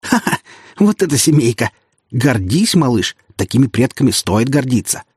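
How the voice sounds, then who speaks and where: A man's voice: medium pitch, sing-song, moderate pace, darkish tone, slightly rough, no room sound, studio quality, voice pushed up. A male audiobook reader voicing a gloating treacherous middle-aged security chief who mocks and sneers. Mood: mocking. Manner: sneering, mocking. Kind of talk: audiobook character voice.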